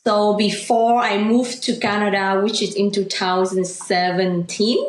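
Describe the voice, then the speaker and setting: A woman in her thirties from Vietnam, with a Vietnamese accent, speaking English as a second language as a guest in a casual interview, halting and full of fillers. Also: medium pitch, steady tone, reverberant. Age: 30s. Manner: halting, many "you know" and "like" fillers, laughs easily. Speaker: guest, real estate agent.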